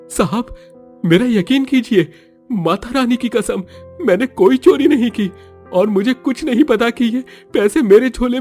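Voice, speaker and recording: A man's voice: high voice, a little mellow. A man playing an honest, humble servant and husband who pleads his innocence in a moral story, with a deferential manner. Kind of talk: acted Hindi moral story.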